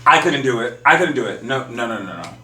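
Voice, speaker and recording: A man's voice: mid-range voice, expressive, quick pace, bright, forceful tone, recorded from a distance. A man co-hosting a casual chat podcast, playful and teasing as he asks the questions. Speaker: podcast co-host. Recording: roomy, off-mic, faint hum.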